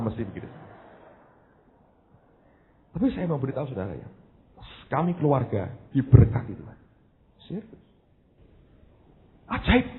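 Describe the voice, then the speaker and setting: A man in his forties preaching a sermon as a pastor, animated and conversational, dropping English phrases in, swinging between loud emphasis and soft asides. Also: on the low side. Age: 40s. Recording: tinny phone-like sound with faint noise.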